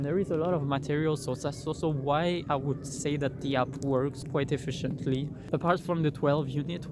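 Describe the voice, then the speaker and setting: A young vlogger with a French accent and a mid-range voice rambles through a casual app review, stumbling over fillers and restarts. He's outside in the cold, speaking into the phone he's holding, and the background is noisy.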